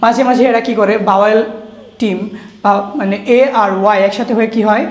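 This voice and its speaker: A woman's voice: mid-range voice, steady tone. A woman teaching English pronunciation, repeating each word several times and quizzing her listeners. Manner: patient, drawn-out spelling of letters. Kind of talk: classroom-style phonics lesson. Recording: echoey room.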